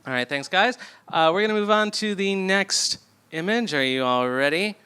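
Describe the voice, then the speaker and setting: A man's voice: high voice, lively intonation, normal speed, a crowd in the background. A man hosting a live comedy game show on a theatre stage, joking and laughing between rounds. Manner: joking, laughs often, loose and chatty.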